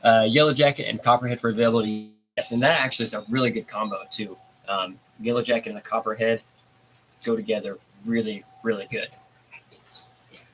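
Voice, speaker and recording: A man's voice: lowish voice, fairly even intonation, brisk, a bit bright, a little hiss or hum, poor audio. A man hosting a casual hobby livestream, talking in a laid-back, rambling way with plenty of fillers. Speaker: livestream host.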